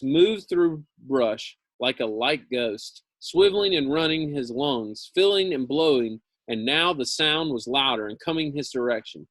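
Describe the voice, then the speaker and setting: A man with a mid-range, fairly bright voice reads a novel aloud the way a teacher would, with no room sound in the recording. He adds dramatic emphasis, repeats phrases, and drops in casual, informal commentary.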